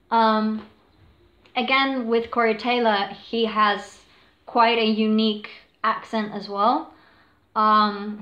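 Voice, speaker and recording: Slow, casual woman streamer in echoey room. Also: mid-range voice, a bit bright. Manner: rambling, laughing, swearing, many fillers. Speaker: live streamer talking about cover singing. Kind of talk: casual chat. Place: home room with a dog.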